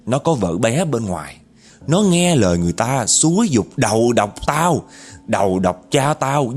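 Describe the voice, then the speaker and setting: A man voicing a vengeful, wronged female ghost, speaking in a deep raspy voice with bitter, accusing growls. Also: heavily acted. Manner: bitter, accusing, growling through clenched teeth.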